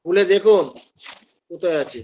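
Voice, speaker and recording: A man with a high voice teaches an online homeopathy class. He explains patiently, mixing in English terms and acting out patients' lines. He is heard over a video call. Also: moderate pace, a little mellow, slight background noise.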